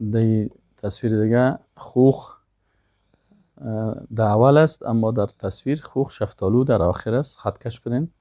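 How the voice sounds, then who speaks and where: A man's voice: lowish voice, creaky, dark tone, no room sound. A man giving a language lesson, reading each word aloud, repeating it and giving its meaning. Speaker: Arabic teacher.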